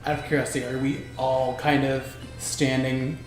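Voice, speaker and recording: A man's voice: medium pitch, little pitch movement, moderate pace. A man at a tabletop game, asking questions and commenting casually as a player. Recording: echoey, off mic, music clearly behind. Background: music.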